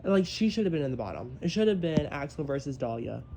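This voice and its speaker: A man's voice: on the high side, sing-song, fast talker, vocal fry, noisy background. A man hosting a podcast in casual chat, snarky and teasing toward his guest. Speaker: podcast host.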